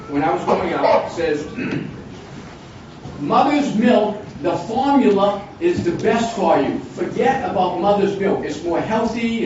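Rambling through an informal Bible study, a sixty-something man leader keeps restarting and wandering into asides. His voice is slightly high and a little mellow, captured from far off in a very echoey, noisy room, so the sound is dull.

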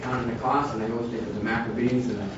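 A man's voice: medium pitch, little pitch movement, very fast, heavy reverb. Older man leading a rambling Bible study. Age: 60s. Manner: rambling, with frequent restarts and asides. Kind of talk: informal Bible study talk. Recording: distant, dull, noisy room recording.

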